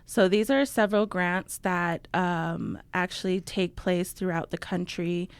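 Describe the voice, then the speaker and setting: A young woman from New Mexico talks as a radio interview guest, her voice smooth and slightly low. She fills her sentences with ums and laughs easily. The studio sound is dry and close. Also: steady tone, measured pace, no room sound. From Navajo, New Mexico. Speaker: guest, outreach coordinator. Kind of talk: casual interview talk.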